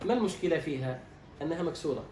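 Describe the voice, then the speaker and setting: A fast-talking male recitation teacher, his voice rather high and darkish with lively intonation, corrects a student during a lesson. He's instructive, quizzing the student and demonstrating slow, drawn-out words, and the recording has roomy echo, a distant mic, and faint noise.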